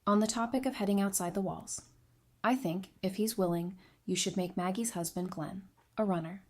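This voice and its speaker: Playing a candid adviser with a dry wit, this actress performs fan audio drama lines in a frank, conversational, thoughtful way. Her mid-range voice is natural and a little mellow, holding a steady tone at normal speed.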